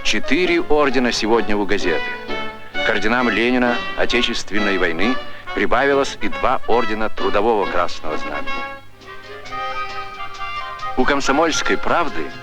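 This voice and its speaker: A man giving formal, declamatory announcer narration in the style of an old newsreel. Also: mid-range voice. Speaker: documentary narrator. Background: music score.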